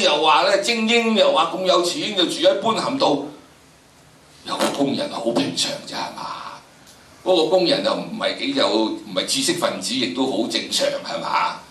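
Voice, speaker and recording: Captured from afar in an echoey recording, this older man teaches history and drama in a big indoor lecture theatre. Speaking with a Hong Kong Cantonese accent in a medium-pitched, fairly bright voice, he addresses students emphatically, stretching out phrases and asking rhetorical questions.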